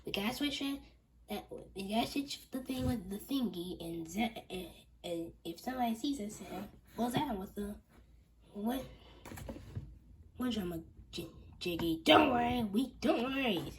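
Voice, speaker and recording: An excited schoolboy prankster, pitched a bit higher and louder than the reader's plain voice, as a woman reads him out. He talks in a rushed, stumbling way, tripping over his words. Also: a little hiss or hum, poor audio.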